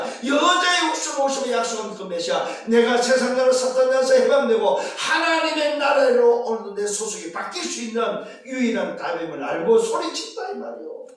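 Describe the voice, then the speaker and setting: A man preaching with force from the pulpit, pressing his point again and again with rhetorical questions. His voice sits very high for a man. It rings through a big echoey church and comes from a distance, far from the mic. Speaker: pastor. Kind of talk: sermon. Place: church sanctuary.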